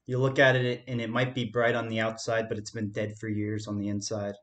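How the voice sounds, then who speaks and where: A man's voice: fairly low pitch, monotone, brisk, fairly bright tone. A young man co-hosting a podcast in casual comedic chat, joking and laughing often. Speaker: podcast co-host.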